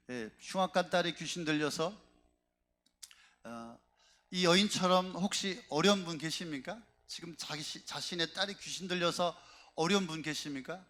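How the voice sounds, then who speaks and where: Middle-aged male pastor, higher than usual pitch, impassioned sermon delivery, full of rhetorical questions. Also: sharp tone.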